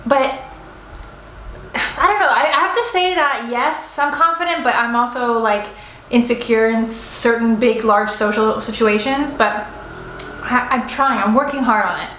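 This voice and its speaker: A woman's voice: a little high, unhurried, pushed and bright, reverberant, slight background noise, low-quality recording. A young woman in her twenties, vlogging a casual mukbang chat in a restaurant, rambling with many fillers and restarts. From United States. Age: 20s. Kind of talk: casual mukbang chat, answering viewer assumptions.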